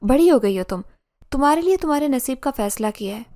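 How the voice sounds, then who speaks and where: A woman voicing a harsh, domineering middle-aged uncle who speaks curtly and commandingly in a loud, heavy voice. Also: very high voice, animated, dry recording, clean studio sound. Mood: stern.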